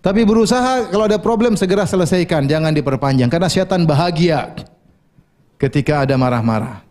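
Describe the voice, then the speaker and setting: A man's voice: on the high side, expressive, brisk, a little mellow. A male preacher giving a sermon, asking the audience questions, answering them himself, and quoting Arabic scripture with translations.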